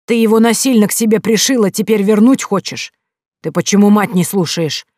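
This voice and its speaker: A woman reading an audiobook, voicing a stern old village grandmother who scolds in a shrill, raised voice. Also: normal speed, darkish tone, no room sound, clean studio sound, natural voice. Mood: scolding.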